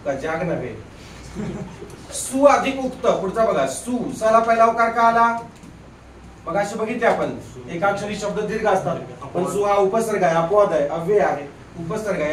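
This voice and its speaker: A man's voice: high-pitched, recorded from a distance, noisy background. A man teaching a grammar lesson in a classroom, drilling students with repeated questions and teasing them now and then. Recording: echoey room, voice off-mic.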